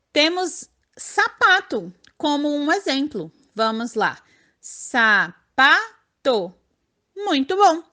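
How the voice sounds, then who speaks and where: A woman teacher with a Brazilian accent giving an online lesson to young children, stretching words out syllable by syllable in a slow, sing-song way. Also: high-pitched, bright, forceful tone. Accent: Brazilian Portuguese. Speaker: primary school teacher.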